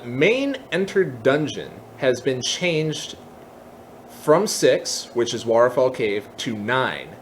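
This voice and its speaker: A man with a medium-pitched voice presents a software tutorial, explaining step by step in a semi-casual way and dropping in casual asides. There's a little hiss or hum in the audio.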